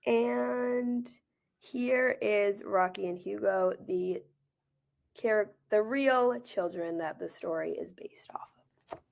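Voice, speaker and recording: This is a woman in the role of author and teacher, sharing a children's picture book aloud with gentle expression and offhand asides. She speaks slowly in a mid-range voice touched with vocal fry.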